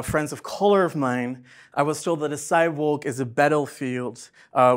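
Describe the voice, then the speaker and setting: A man in his twenties giving an academic talk at a symposium, out of breath after dancing and filling pauses with many ums. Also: fairly high pitch. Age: 20s. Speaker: symposium speaker. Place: event space in a museum.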